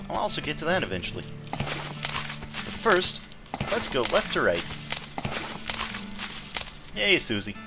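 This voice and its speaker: A man's voice: on the low side, poor audio. Man casually commentating a video game, music behind. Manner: offhand, playful asides. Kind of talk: casual gameplay commentary, reading game text aloud. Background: music with guitar.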